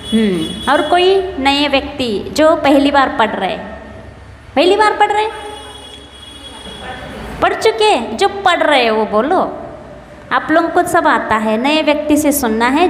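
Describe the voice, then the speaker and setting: A woman, a nun, patiently leading a scripture recitation class, correcting pronunciation and gently teasing her students. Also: high voice, expressive, takes it slowly, long pauses. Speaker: Jain nun teaching scripture. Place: temple hall. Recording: echoey hall with long reverb, faint hiss.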